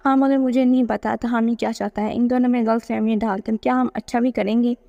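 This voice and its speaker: A woman's voice: on the high side, fairly even intonation, brisk, vocal fry, warm tone, dry recording, lo-fi sound. A woman voicing a hesitant, calculating young woman in a read-aloud novel.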